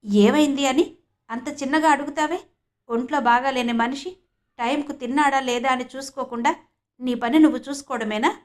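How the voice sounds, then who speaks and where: A woman's voice: fairly high pitch, normal speed, lightly acted. A woman voicing a protective mother who scolds her daughter in a raised voice, in an audiobook reading. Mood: angry. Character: worried protective mother, quick to anger.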